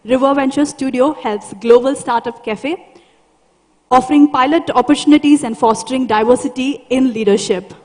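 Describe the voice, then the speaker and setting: Woman, Indian accent, fairly high pitch, ceremonious event announcer, reading introductions, long hall reverb. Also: normal speed, darkish tone. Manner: formal, ceremonious. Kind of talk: formal scripted introductions.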